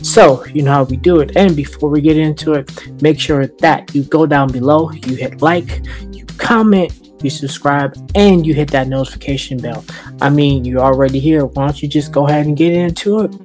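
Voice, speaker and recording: A man's voice: on the high side, moderate pace, a little mellow. Joking man hosting with music behind. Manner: loose, joking, trash-talking. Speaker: host. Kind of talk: casual sarcastic commentary. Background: background music.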